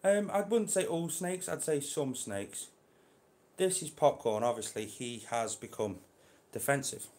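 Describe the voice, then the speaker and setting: A man keeping reptiles, chatting casually to viewers while gently coaxing and handling a snake indoors. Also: mid-range voice, unhurried, roomy sound. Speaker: reptile keeper vlogger. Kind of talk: casual vlog. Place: indoor room.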